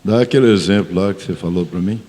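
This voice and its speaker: A man from Brazil with a São Paulo accent, a pastor chatting in a relaxed, teasing way with youths. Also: low voice, fast. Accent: São Paulo Portuguese. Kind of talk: casual church talk. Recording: reverberant church hall.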